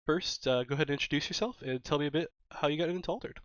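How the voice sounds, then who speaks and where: A man's voice: a little high, very fast, no echo. A man with a sick, nasal voice hosting an interview in an upbeat way, with many fillers. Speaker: interview host. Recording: dry, dull lo-fi recording.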